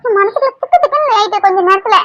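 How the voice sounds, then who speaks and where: A woman's voice: very high-pitched, racing, pushed and bright, dry recording, muffled recording. A woman voicing a young woman in a cartoon who pleads and defends herself to a former lover. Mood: exasperated. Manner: pleading, exasperated.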